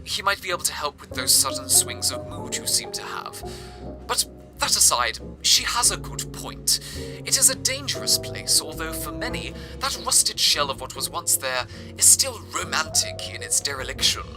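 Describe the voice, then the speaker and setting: In this amateur radio drama, the performer's mid-range voice stays close to an everyday one yet swings widely in pitch at a moderate pace, with music underneath. The role is a sentimental, theatrical city radio host reading scripted broadcast narration in florid, genteel language.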